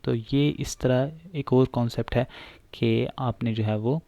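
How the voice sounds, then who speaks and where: Gravelly man teaching pronunciation. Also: medium pitch, steady tone, a little slow, dark tone, dry recording. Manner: explains patiently, repeats each word several times; frequent filler sounds and "theek hai". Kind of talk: explaining pronunciation lesson.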